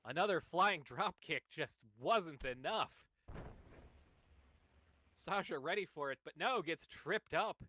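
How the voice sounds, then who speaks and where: Male wrestling play-by-play caller, bright and forceful tone, slightly high voice, excitable. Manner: excited, calls moves quickly. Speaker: wrestling commentator. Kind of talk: play-by-play commentary.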